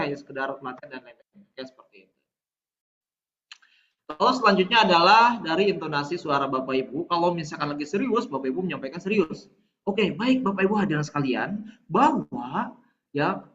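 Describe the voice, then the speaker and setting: A high-pitched man with a bright, forceful tone leads an online training session. He talks in a chatty way, constantly addressing his listeners. The audio is dull and lo-fi, like a video call. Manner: chatty, addresses audience as sir and madam often.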